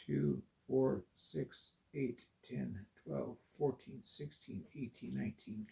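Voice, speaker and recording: A man's voice: mid-range voice, slow pace, vocal fry, dark tone, slight background noise. A man building a model on video, counting pieces under his breath and playfully scolding them as rascals. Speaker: video creator. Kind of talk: building vlog, talking to himself.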